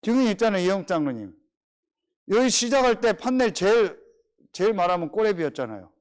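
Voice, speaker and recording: A middle-aged man preaches with a notably high voice that swings widely up and down as he tells stories. He keeps pressing his listeners with rhetorical questions in an animated, conversational sermon. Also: fairly quick. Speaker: pastor.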